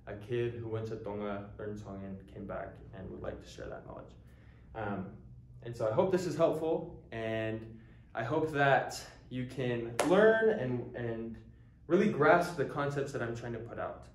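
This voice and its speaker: This early-twenties man from the United States teaches languages and is giving a relaxed talking-head introduction to his course, sincere but full of ums and false starts. He has a medium-pitched, somewhat dark voice, and the recording sounds roomy.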